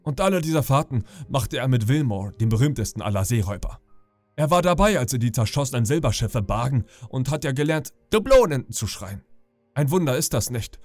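A man's voice: mid-range voice, expressive, fairly quick, a little mellow, dry recording, soft background music, lightly acted. A man voicing a friendly, talkative old ship's cook in a sleep audiobook, genial and boastful. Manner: genial, chatty, boastful storyteller. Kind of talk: audiobook character reading.

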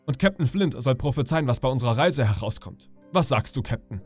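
Man voicing a genial old sea cook, talkative, boastful, audiobook character, a bit higher than the narration. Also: lively intonation, brisk, darkish tone, breathy edge, soft background music. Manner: genial, chatty, boastful storyteller. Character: friendly, talkative old male ship's cook.

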